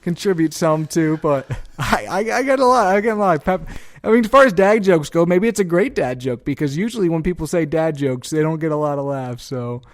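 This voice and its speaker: This is a man co-hosting a casual podcast, his voice sitting a little high for a man. He chats in an upbeat way, laughing often and doubling back on his words. It sounds close to a podcast microphone. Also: normal speed. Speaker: podcast co-host.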